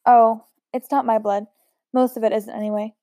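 An impulsive young Frenchwoman from a storybook, speaking quietly and softly, as a woman reads her lines. The tone is mellow and dry, set fairly high. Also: level tone, normal speed, dry recording, lightly acted. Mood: hurt.

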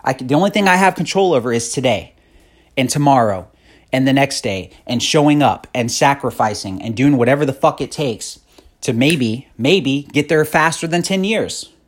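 Husky, blunt man in his thirties. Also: medium pitch, lively intonation, normal speed. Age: 30s. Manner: blunt, profane, increasingly fired-up. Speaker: podcast host. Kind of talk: motivational monologue.

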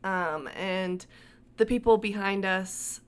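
A woman's voice: medium pitch, slow, smooth. A young woman co-hosting a casual podcast chat, easygoing, often agreeing and laughing along. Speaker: podcast co-host.

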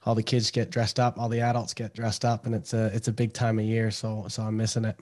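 Casting: Canadian man in his thirties, even and flat in delivery, academic guest. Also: fairly low pitch, brisk. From Canada, Toronto area. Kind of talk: casual interview talk.

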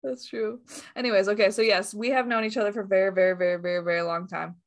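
A woman's voice: mid-range voice, steady tone, quick pace. A woman in her late twenties, a teacher, chatting casually with dry, sarcastic humor. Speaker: teacher, podcast guest. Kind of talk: casual chat.

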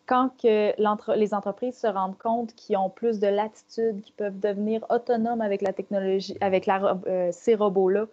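A Québécois woman on a discussion panel, talking through her ideas with a soft, mellow tone. She pauses on fillers as she explains. The sound is dull and lo-fi, like a remote call. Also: medium pitch, steady tone. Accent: Québécois French. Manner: thoughtful, explanatory, with many fillers. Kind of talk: round-table discussion.

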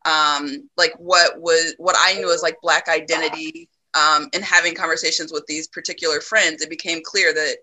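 Bright-voiced reflective woman. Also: sits low, fairly even intonation, normal speed, hardly any pauses, low-quality recording. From United States. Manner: reflective, many ums and likes, laughs often. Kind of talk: casual conversation.

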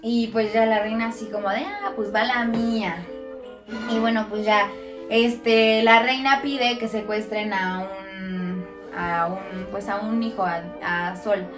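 A young woman with a Mexican accent casually retelling a fairy tale in slangy, animated chat, acting out the characters' lines. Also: mid-range voice, unhurried, reverberant, music in the background. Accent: Mexican Spanish. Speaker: storyteller in a podcast chat.

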